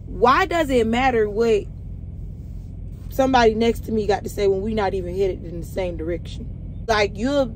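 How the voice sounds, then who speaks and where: A woman in her 20s, a truck driver, vlogs casually from her cab into a phone held at arm's length, swearing freely as she talks candidly. Her voice is a little high, and the poor-quality audio carries slight background noise.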